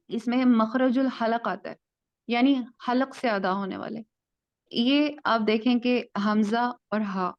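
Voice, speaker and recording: A woman teaching a basic tajweed lesson in Urdu, explaining step by step and slowly modelling each sound. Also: on the high side. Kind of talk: online lesson. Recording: dull lo-fi audio.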